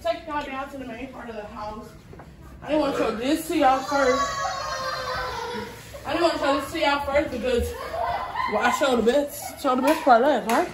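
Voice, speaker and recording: Speaking at a moderate pace with long pauses, this young woman's high-sitting voice comes from a distant mic. She gives viewers a chatty, casual tour of her home and repeats phrases often. It's shot on a handheld phone as she walks inside, leaving the sound roomy, noisy and off-mic.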